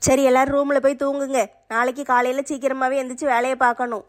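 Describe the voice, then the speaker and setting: Brisk, even-voiced motherly woman. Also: sits high. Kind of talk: family skit acting.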